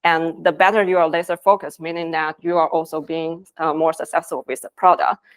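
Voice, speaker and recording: Deep-voiced and speaking a little fast, a Taiwanese design lead presents from a conference stage in a flat delivery. She is earnest throughout, using non-native phrasing.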